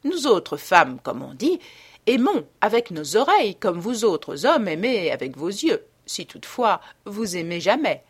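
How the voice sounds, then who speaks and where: Witty teasing duchess, voiced by a woman, lively lilt, breathy tone, storybook reading. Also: mid-range voice, measured pace. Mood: arch. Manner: playful, arch, bright teasing lilt. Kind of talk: audiobook character reading.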